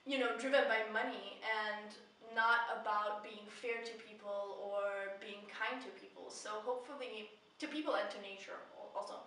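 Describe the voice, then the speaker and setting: Her pitch is medium and her tone fairly bright as this young woman chats earnestly to the camera, rambling somewhat with heartfelt emphasis. She's in a small, bare-walled room, and the far-off camera mic leaves the audio echoey with a touch of noise.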